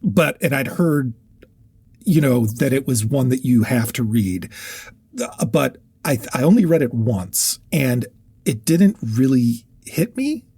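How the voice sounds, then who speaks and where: Talking slowly with lively intonation, this man co-hosts a podcast about books, offering researched facts and frequently correcting himself mid-sentence. His medium-pitched voice is mellow and husky, with no room sound in the recording.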